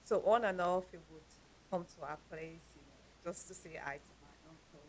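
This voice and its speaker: A woman with a Nigerian accent, telling her life story as an interview guest in a lively, laughing way. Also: lowish voice, moderate pace, a little hiss or hum. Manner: animated storyteller, laughs often. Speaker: guest, company founder.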